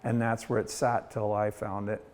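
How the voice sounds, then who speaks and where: A man's voice: lowish voice, flat delivery, normal speed, darkish tone. A middle-aged Canadian man giving a casual guided tour of his collection, telling stories in a folksy way and acting out the people he quotes. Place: heritage centre exhibit hall.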